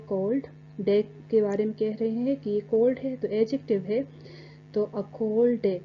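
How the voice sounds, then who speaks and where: Woman teacher doing a grammar lesson, spells words out letter by letter, dull lo-fi sound w/ faint hum. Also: medium pitch. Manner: explains step by step, spells words letter by letter, reads English examples slowly. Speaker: English teacher. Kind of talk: recorded classroom lecture.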